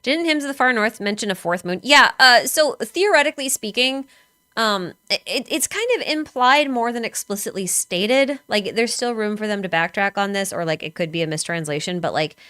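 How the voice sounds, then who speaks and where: A woman's voice: medium pitch, lively intonation, normal speed, pushed and bright, no room sound. A woman streamer in casual chat, talking speculatively with many filler words.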